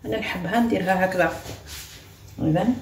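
A woman's voice: lowish voice, fast, creaky, a little mellow. Give me an Algerian woman talking through a recipe in an echoey room. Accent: Algerian Arabic. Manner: talks step by step while working, repeating short cues. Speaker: cooking channel host. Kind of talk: home cooking tutorial. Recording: echoey room with faint ambient noise.

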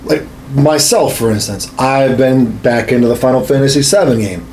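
Speaking at a normal speed with a mid-range, darkish voice, this thirtysomething podcast co-host explains things casually and methodically, dropping the odd swear word. He's recording in a small home studio room, and there's slight room noise in the background.

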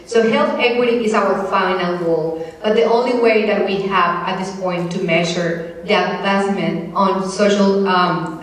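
A woman's voice: medium pitch, recorded from a distance. Colombian-born woman lecturing in an echoey hall. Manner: measured, explanatory, steady. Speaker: panel speaker. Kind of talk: lecture presentation.

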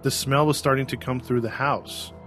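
A man's voice: mid-range voice, steady tone, normal speed, a bit bright, faint music behind. A man co-hosting a true-crime podcast, telling the case in a chatty, rambling way with many restarts. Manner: chatty storyteller, fillers and restarts. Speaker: podcast co-host. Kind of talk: casual true-crime chat.

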